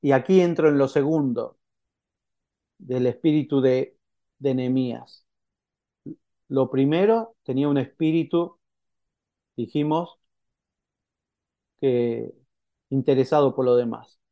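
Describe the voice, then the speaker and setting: A male pastor preaching a sermon in a conversational, halting way, often asking the congregation rhetorical questions. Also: mid-range voice, dull audio. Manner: halting, with frequent restarts.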